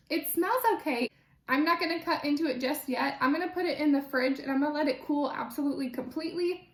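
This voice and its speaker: A young woman hosts a homey cooking video, chatty and quick to giggle, with plenty of "like" in her speech. Her voice sits high and bright, and it rings around a hard-surfaced kitchen. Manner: chatty, laughs easily, says "like" often. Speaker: cooking channel host. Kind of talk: casual cooking vlog chat. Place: home kitchen. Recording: echoey kitchen.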